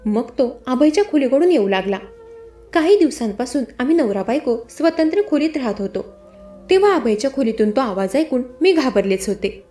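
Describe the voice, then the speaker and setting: A woman's voice: sits high, lively intonation, normal speed, mellow, soft background music. A woman telling a dramatic story in the first person, with emotional scripted narration and a Marathi accent.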